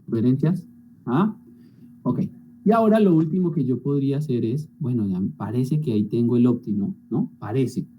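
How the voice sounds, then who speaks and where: A man's voice: medium pitch, expressive, normal speed, warm tone, slight background noise, low-quality recording. A male teacher walking students through spreadsheet calculations in an online class, often checking in with them. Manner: talks through spreadsheet steps, frequent checking tags.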